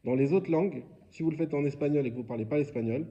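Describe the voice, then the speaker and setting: A man runs a religious class as a quiz, posing questions and then explaining the answers in a relaxed, conversational way. His voice sits a little high yet sounds mellow and warm. The recording is muffled and lo-fi. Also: racing. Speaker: rabbi teaching a class. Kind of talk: religious lesson quiz with students.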